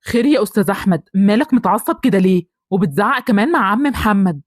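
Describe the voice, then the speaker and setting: A woman with an Egyptian accent voicing a calm, fair-minded man who soothes and reasons with others. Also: mid-range voice, fast talker, dry recording, studio quality, close to an everyday voice.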